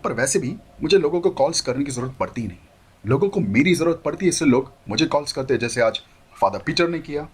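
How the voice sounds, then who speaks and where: A man's voice: on the high side, lively intonation, fast, slightly rough. A man voicing an easygoing young man who teases and jokes in an offhand manner. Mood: teasing. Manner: teasing, joking, offhand.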